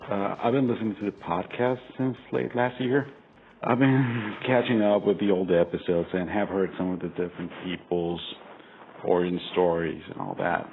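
Listener from Costa Rica, forties, measured storyteller with a very low voice, on a thin, phone-like recording. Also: male voice, steady tone. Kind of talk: recorded personal message. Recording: tinny lo-fi recording with faint hiss.

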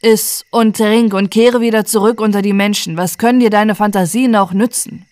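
A woman's voice: medium pitch, fairly even intonation, normal speed, a little mellow, dry recording, close to an everyday voice. A woman voicing a loyal old male servant who talks in an earnest, scolding way.

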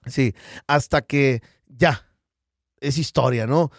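Mexican man, lively slangy storyteller. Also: medium pitch, slow, gravelly, no echo, studio quality. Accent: Mexican Spanish. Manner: animated storyteller who acts out quotes, slangy and profane. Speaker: podcast guest, business founder. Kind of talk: casual podcast chat.

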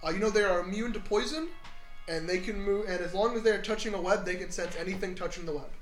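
A man narrating a tabletop game casually as game master, halting as he searches for words. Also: sits high. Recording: roomy, faint music behind.

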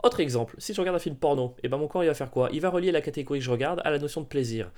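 A man in his thirties hosting a comedy podcast, telling absurd stories in a deadpan way with provocative asides. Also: on the high side, very fast. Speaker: podcast host.

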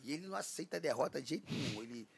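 A man's voice: mid-range voice, very fast, vocal fry, very noisy. A man chatting casually on a podcast, telling stories and acting out the dialogue. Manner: animated storyteller, acts out quoted dialogue.

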